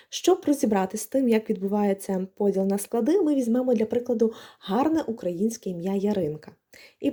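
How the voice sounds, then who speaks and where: A woman with a Ukrainian accent narrating a scripted language lesson in a clear, measured way. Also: medium pitch, mellow. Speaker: language teacher.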